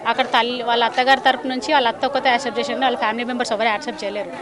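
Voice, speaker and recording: A woman's voice: on the high side, fairly even intonation, a crowd in the background. A woman with a Telangana Telugu accent, recounting a family's story matter-of-factly to a news camera outdoors. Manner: rapid, matter-of-fact recounting. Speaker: relative interviewed. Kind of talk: news interview.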